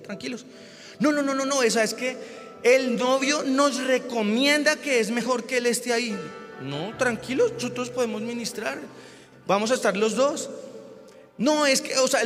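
A man with a strikingly high, bright voice preaches from the pulpit. He tells his story animatedly and breaks into shouts. The sound rings through a reverberant church hall over soft music. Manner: animated, builds to shouted exclamations. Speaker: pastor. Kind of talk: sermon with personal storytelling.

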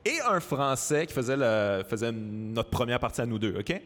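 A man hosting a podcast, chatting casually and relaxed, often chuckling. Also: mid-range voice, moderate pace, in a large hall. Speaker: podcast host, comedian. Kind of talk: casual chat.

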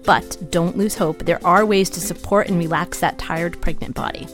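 Brief: woman, reassuring scripted intro, lowish voice, music bed. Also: steady tone, normal speed. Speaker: massage therapist, guest.

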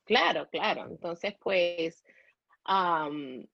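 A woman with a Puerto Rican Spanish accent tells her story as a podcast guest, stopping and restarting often and dropping in English words. Her voice is a little husky. The sound is dry and slightly dull. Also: on the low side, no echo. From Dominican Republic, raised in Puerto Rico. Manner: halting, many restarts, slips into English words. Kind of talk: personal storytelling in a podcast interview.

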